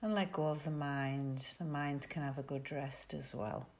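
A woman leads a yoga nidra session, giving soothing, unhurried relaxation instructions with pauses between phrases. Her voice is low and a little mellow.

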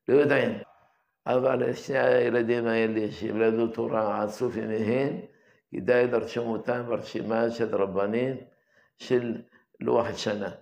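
An older man, head of a yeshiva, giving a daily religious lesson and reminiscing in an unhurried, anecdotal way. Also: mid-range voice, gravelly, darkish tone.

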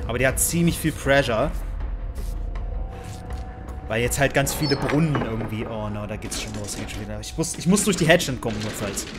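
A young man commentating his own gameplay, excitable, with panicked yelps and English words mixed into his speech. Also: medium pitch. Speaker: gamer. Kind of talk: let's play commentary. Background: game music.

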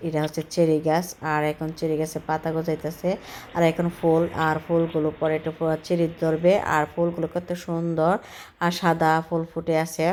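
A woman's voice: low-pitched, a little mellow, slight background noise. A woman in her thirties from Bangladesh chatting casually through a walking vlog outdoors, rambling with many fillers and restarts, her throat still recovering from soreness. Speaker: vlogger. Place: outdoors on a city street.

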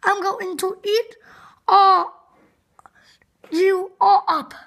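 Woman doing loud roaring storybook lion, boastful, hungry, very high bright voice. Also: steady tone, extremely slow, heavily acted. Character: boastful hungry male lion, jungle king.

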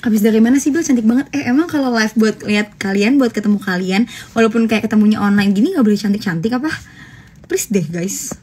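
A woman's voice: a little high, fast talker, darkish tone, husky. A young woman in her twenties chatting casually on a phone livestream, answering follower questions with jokes and bursts of laughter. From Indonesia.

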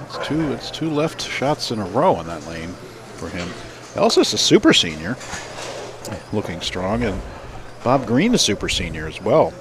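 A man's voice: on the low side, very animated, moderate pace. A man doing live play-by-play commentary at a bowling center, chatting between shots. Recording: live broadcast with crowd behind. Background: crowd and bowling noise.

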